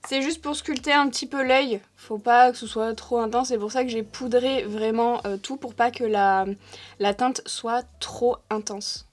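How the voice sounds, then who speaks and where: A woman's voice: fairly high pitch, fairly even intonation, unhurried. A young woman talking through a makeup tutorial in a chatty, thinking-aloud way, with frequent hesitations. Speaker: beauty vlogger.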